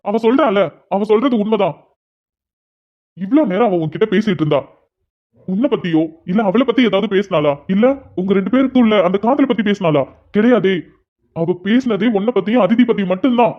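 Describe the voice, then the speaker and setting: கவலையுடன் வேகமாகக் கெஞ்சிப் பேசும் அக்கறையுள்ள இளைஞன் நண்பனாக நடிக்கும் ஒருவர். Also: male voice, sits high, expressive. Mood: urgent. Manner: rapid urgent pleading. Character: caring young friend, pleading, worried. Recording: dull lo-fi sound.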